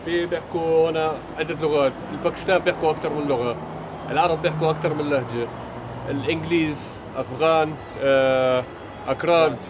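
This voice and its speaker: Rapid-talking man on a busy street. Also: a little high, steady tone. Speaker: interviewee. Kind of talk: street interview. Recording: street noise behind the voice.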